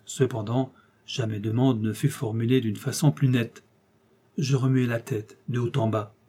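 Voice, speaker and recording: A man narrating a classic adventure novel in the first person, with expressive, measured storytelling. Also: medium pitch, slightly rough. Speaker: audiobook narrator.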